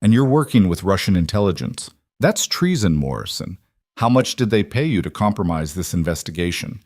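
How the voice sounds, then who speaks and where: A cold, commanding mafia boss, read by a male narrator. He speaks in a low, controlled way, with clipped orders. The recording is close and dry. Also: very animated, brisk, a little mellow, dry recording.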